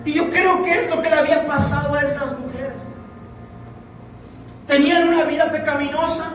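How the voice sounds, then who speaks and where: A man preaches slowly in a high voice, leaning on repetition and breaking into fervent shouts. He sounds far from the mic in a very echoey sanctuary, with soft music underneath. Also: fairly even intonation. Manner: impassioned preaching, rising to shouts; slow, deliberate phrasing with repetitions. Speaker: pastor. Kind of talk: sermon. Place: church sanctuary.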